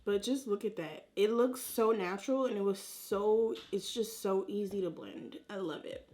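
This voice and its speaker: A beauty vlogger applies her makeup while chatting informally and slangily to her viewers as if they were friends, tutorial-style. Her voice is mid-range and darkish, at a normal speed.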